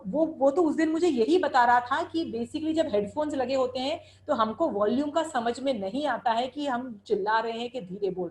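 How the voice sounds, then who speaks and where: A woman's voice: sits high, a little mellow, a little hiss or hum, poor audio. A middle-aged woman giving an earnest religious lecture, mixing Hindi and English and teaching through personal anecdotes.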